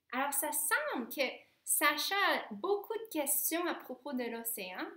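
A woman teacher reading a picture book aloud to young children, explaining gently as she goes. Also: high voice, reverberant. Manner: gentle, explaining, slow storytelling.

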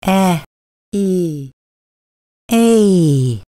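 A woman's voice: fairly low pitch, lively intonation, extremely slow, mellow, dry recording, clean studio sound. A woman with a standard American accent demonstrating isolated vowel sounds for pronunciation practice.

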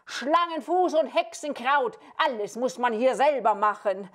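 In a Bavarian puppet show, a woman puppeteer voices a scheming male wizard who bosses everyone around and grumbles at his own mistakes. Her voice is high and a little slow.

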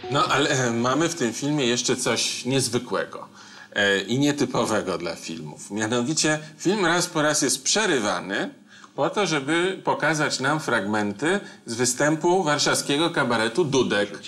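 A man's voice: medium pitch, expressive, unhurried, a bit bright, soft background music. A middle-aged man hosting a film talk show, introducing the film in an articulate, explanatory way. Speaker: host. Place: studio set with armchairs.

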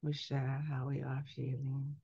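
A woman in her sixties speaking as a trance medium, solemnly delivering a spiritual message in measured phrases with long pauses. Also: extremely low pitch, level tone, vocal fry, warm tone, slightly rough, no echo. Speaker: trance channeler. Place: small candlelit room indoors. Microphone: headset boom mic. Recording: dull, lo-fi headset sound.

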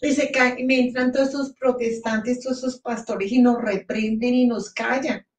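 A woman giving an emotional personal testimony as an interview guest, earnest and halting, repeating words as she goes. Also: fairly high pitch, fairly even intonation. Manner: earnest, halting, repeats words, quotes her own prayers. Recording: echoey room, voice from far off the mic.

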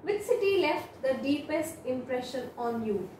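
A woman in her thirties with an Indian English accent demonstrates IELTS speaking practice, reading exam questions aloud and answering them as model replies. Her high-sitting voice is measured, steady, formal and rehearsed. She speaks close to a camera in a small room, and the reverberant audio carries a little hiss or hum.

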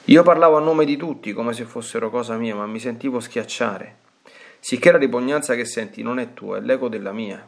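A man reading aloud the words of Jesus, gentle and consoling, with calm pauses. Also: medium pitch, gravelly, pitched above the performer's own voice, lightly acted. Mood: tender. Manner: calm, tender reassurance, read with pauses.

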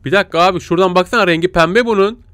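A man's voice: high voice, very fast, a bit bright, clear, resonant tone, no echo. A man commenting on a horror game as he plays, yelping and laughing when scared and talking to his viewers and the creatures. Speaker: gaming streamer.

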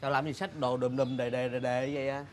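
A man's voice: medium pitch, flat delivery, fairly quick, slight background noise, close to an everyday voice. A man playing a fussy, chatty middle-aged uncle who runs a small eatery in a sitcom. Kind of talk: sitcom acting.

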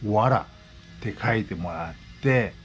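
Low-voiced man in his sixties, chatty. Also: unhurried, soft background music. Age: 60s. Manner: chatty, explains with repeated examples. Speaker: vlogger. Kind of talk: casual monologue. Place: West Oahu, Hawaii.

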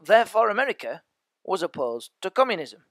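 A man's voice: high voice, sing-song, fairly quick, fairly bright tone, dry recording. A man teaching a history lesson as a podcast, chatty and joking with his listeners. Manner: chatty, jokey asides to listeners. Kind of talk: educational podcast lecture.

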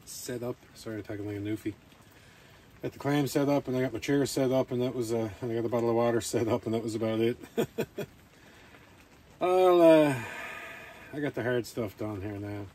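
At a rainy campsite, a camping vlogger rambles casually to camera in a dark, mid-range voice. He talks briskly but leaves long pauses, and faint outdoor ambience sits underneath.

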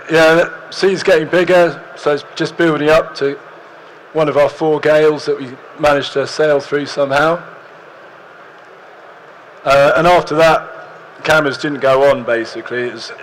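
Slightly hoarse young man on stage. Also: fairly high pitch, a bit bright, slight background noise, low-quality recording. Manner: easygoing, dry humour. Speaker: presenter. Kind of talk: stage talk with slides. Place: large hall with audience.

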